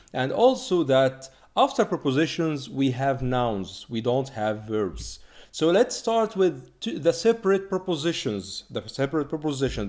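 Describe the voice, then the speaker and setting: This is a man from Egypt, giving a beginner language lesson. His pitch rises and falls in a lively way as he slowly repeats each word to drill it. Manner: slow, repeated drilling of words. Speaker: Arabic teacher.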